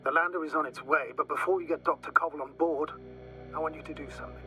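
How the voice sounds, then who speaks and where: A steady male mission operator in a video game, guiding a teammate from afar. He speaks in a measured, instructive way and reasons aloud. A game score plays clearly behind him. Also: a little high, low-quality recording. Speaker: remote mission operator on the radio. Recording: game audio with music under.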